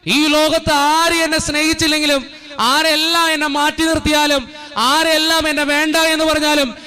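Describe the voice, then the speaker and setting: Fervent priest preaching, high voice. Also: male voice, level tone, moderate pace, sharp tone. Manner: storytelling, rising to fervent repeated appeals. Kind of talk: sermon. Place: church courtyard.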